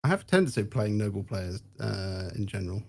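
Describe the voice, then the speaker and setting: Fast-talking low-voiced man. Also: big pitch swings, creaky, darkish tone. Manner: quick, slightly sheepish, apologetic. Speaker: player. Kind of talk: casual tabletop play chat.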